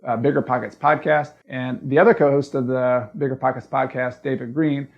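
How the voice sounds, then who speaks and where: Southern us guy teaching in a casual video, gravelly fry in his voice, plain-spoken, sound a bit muffled. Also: mid-range voice, steady tone, a little fast. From American South. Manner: plain-spoken, explains step by step with simple analogies. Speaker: real estate investing educator and video host. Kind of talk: casual explanatory video lesson.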